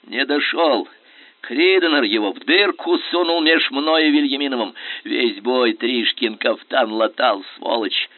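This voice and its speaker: A man voicing an elderly, weary, gruff prince and general, heard over a tinny, phone-like radio line. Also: mid-range voice, measured pace, no echo, lightly acted. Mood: bitter. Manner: gruff, tired, blustering.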